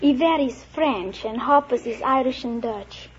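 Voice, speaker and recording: A woman's voice: fairly high pitch, a little slow, background noise. A woman from Egypt, a housewife contestant on a quiz show, telling an earnest, rambling story. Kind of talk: chatty storytelling. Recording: lo-fi vintage broadcast recording with audience.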